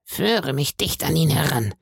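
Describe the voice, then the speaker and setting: A man voicing a menacing blind old sea beggar in an audiobook, speaking in a slow, eerie sing-song that sounds cruel and cold. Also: on the high side, animated, gravelly, breathy edge, no room sound, studio quality, pitched above the performer's own voice, exaggerated voice. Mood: threatening. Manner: slow, drawn-out wheedling delivery.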